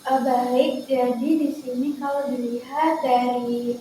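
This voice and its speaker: A woman's voice: sits high, steady tone, takes it slowly, mellow. A young woman, a nutrition student, politely asking questions and summarizing in a counseling interview. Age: young adult. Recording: very echoey room with faint noise.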